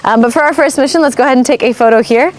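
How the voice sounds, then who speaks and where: A young woman from North Carolina hosts a casual travel livestream outdoors at a historic fortress park, chatting live as she tours. She's chatty and giggly with plenty of fillers, and her high-pitched voice races along. The clip-on mic picks up a slight hiss or hum.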